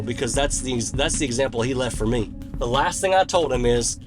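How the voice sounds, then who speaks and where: A man telling a personal story to camera in a folksy, earnest way. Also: a little high. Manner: earnest, folksy, animated when retelling. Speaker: country music vlogger.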